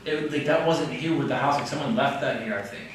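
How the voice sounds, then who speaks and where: A man's voice: mid-range voice, fast. A man voicing cautious doubts in casual chat, recorded from far off in an echoey, noisy room. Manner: cautious, questioning. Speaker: ghost hunting co-host.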